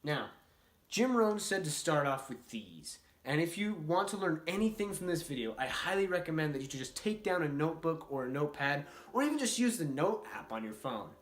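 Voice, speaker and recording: A man with a fairly high voice talks through a motivational lesson at a whiteboard for his channel. He is chatty and upbeat, tossing in little jokes between his points. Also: sing-song, a little fast. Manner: upbeat and chatty, with jokey asides. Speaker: YouTube host. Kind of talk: casual motivational talk at a whiteboard.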